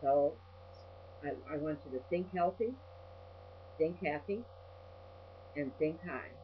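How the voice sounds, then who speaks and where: Taking it slowly in a low-pitched voice, an older woman vlogs a meandering personal monologue, ranting bluntly with a salty tongue. The recording sounds dull and lo-fi, with mains hum underneath.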